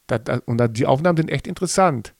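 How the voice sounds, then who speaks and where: A man's voice: mid-range voice, animated, quick pace, gravelly, no echo, clean studio sound. A middle-aged man co-hosting a podcast with his son, rambling in casual chat and searching for details as he goes. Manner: rambling, searching for facts as he talks. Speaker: podcast co-host, father of the host.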